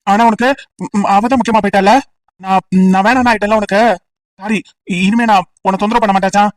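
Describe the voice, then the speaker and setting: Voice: mid-range voice, fairly even intonation, a little fast, no echo, natural voice. A voice actor playing a clingy young male student who stammers and sulks at his friend, as comic voice acting on a distant, dry mic. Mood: sulky. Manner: hesitant, sulky, stammering.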